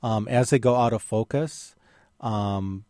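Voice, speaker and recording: A man on a call-in radio show, explaining patiently with plenty of pauses and fillers. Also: lowish voice, dry recording, studio quality. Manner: explanatory, relaxed, many fillers. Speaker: radio guest expert on photography. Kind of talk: casual call-in radio chat. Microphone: studio microphone.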